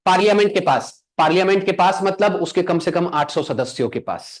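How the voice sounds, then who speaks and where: A young man teaching an exam coaching lesson, asking the class questions and answering them himself, slowing down to spell out English terms. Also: high voice, lively intonation. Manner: quizzing students with rhetorical questions, answering himself.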